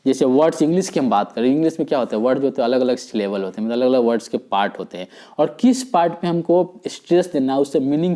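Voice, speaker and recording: A middle-aged man lecturing on communication skills in a mellow, warm tone. He explains patiently and repeats each point, illustrating it with everyday examples. His talk is full of English technical terms. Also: medium pitch, poor audio. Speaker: teacher.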